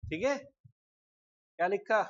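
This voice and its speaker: A man teaching a live programming class, explaining step by step and often asking students quick check questions. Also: high voice, expressive, lo-fi sound. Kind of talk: live classroom coding lecture.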